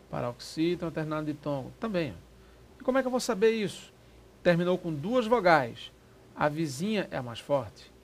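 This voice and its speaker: Lively teacher, light background hiss. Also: male voice, a little high. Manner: lively, quick, keeps checking in with the class. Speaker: Portuguese exam prep teacher. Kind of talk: informal classroom lesson.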